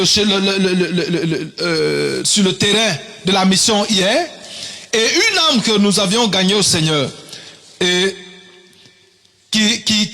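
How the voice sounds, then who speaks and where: A man preaching a fiery sermon, shouting in a sing-song cadence and repeating phrases. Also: high voice. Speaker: prophet preaching. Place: church service.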